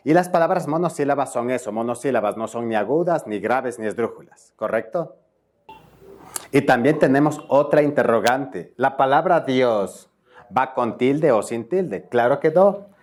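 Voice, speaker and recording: A man's voice: medium pitch, a little mellow. Man explaining spelling rules step by step. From Ecuador. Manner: explains step by step, often checks in with viewers. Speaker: spelling tutor. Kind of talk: video tutorial lesson.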